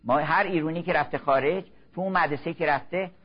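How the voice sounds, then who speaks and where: An older man giving a measured, exhorting religious lecture, slow and earnest. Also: fairly high pitch, slightly rough. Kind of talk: sermon-style lecture. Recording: muffled lo-fi recording.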